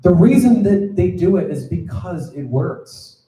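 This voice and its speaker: A youth pastor preaches to students in an echoey room, his high, mellow voice animated but measured in pace. He keeps it conversational, checks in with his listeners, and acts out the voices of characters in his stories.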